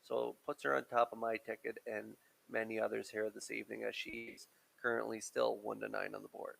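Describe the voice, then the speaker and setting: A man's voice: fairly low pitch, little pitch movement, brisk, gravelly, fairly bright tone, low-quality recording. A man giving informal, analytical race preview commentary as a handicapper. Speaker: horse racing handicapper and analyst.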